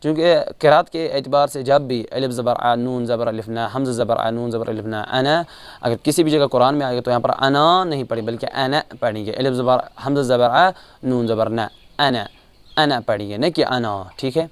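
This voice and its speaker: A man with a Kashmiri accent teaching Quran recitation rules, explaining calmly and chanting each verse slowly, repeating sounds to correct mistakes. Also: medium pitch, clean tone, no room sound. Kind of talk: tajweed lesson with chanted examples.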